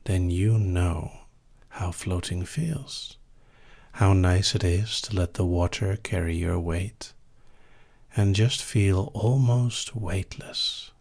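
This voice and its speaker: Slow, low-voiced man murmuring right in your ear. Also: vocal fry. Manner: soft, intimate, right-in-your-ear delivery, often dropping to a whisper; slow, soothing, with long pauses. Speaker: hypnosis session host. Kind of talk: live relaxation hypnosis induction.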